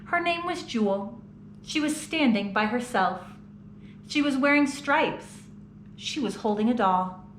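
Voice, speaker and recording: Woman reading a storybook to children, fairly high voice, expressive, roomy echo, faint background hiss. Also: measured pace. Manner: expressive, asks children questions. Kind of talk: reading a picture book aloud to children. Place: children's museum.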